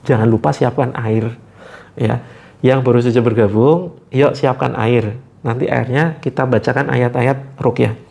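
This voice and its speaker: Male coach, gravelly, mid pitch; gently instructs viewers on a livestream, light humour. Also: steady tone, unhurried. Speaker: therapy coach hosting a live session. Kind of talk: guiding a live spiritual therapy session.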